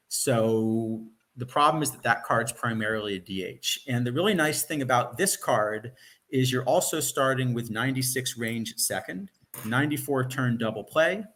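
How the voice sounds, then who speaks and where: A man's voice: mid-range voice, fairly bright tone. A man giving casual analytical commentary on a card game, explaining his reasoning point by point.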